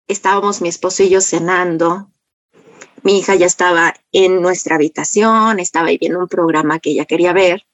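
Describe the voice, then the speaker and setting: A middle-aged woman with a Mexican accent, telling a personal story in a lively, conversational way, often asking the audience rhetorical questions. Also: medium pitch, no room sound. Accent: Mexican Spanish. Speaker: speaker sharing personal story. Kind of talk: conversational talk.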